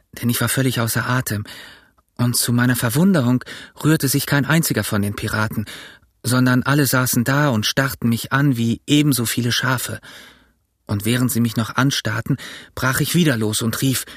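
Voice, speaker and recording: A man narrates a story in the first person at an ordinary middle pitch. His delivery is measured and steady. It is recorded close and completely dry, like a studio audiobook. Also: slightly rough, no room sound.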